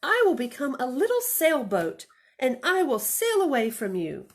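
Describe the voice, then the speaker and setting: Storybook: little runaway boy bunny, high, sing-song, defiant; a woman reads it. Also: wildly swooping pitch, moderate pace, heavily acted. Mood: playful.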